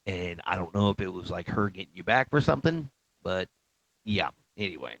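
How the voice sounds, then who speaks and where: A man's voice: low voice, lively intonation, brisk, fairly bright tone, no echo. A middle-aged man, a Marine veteran, telling a rambling story in casual, profane talk with frequent chuckles. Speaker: Marine veteran recounting boot camp. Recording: dull lo-fi, dry.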